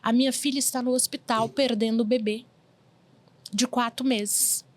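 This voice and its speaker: A woman's voice: fairly high pitch, moderate pace. A woman in her forties, a medium from Brazil, telling her life story in a casual interview and acting out the voices she quotes. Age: 40s. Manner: animated storyteller who acts out quoted voices.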